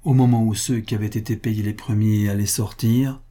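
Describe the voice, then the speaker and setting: A man reading a novel aloud as narrator, in a steady, measured way. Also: fairly low pitch. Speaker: audiobook narrator.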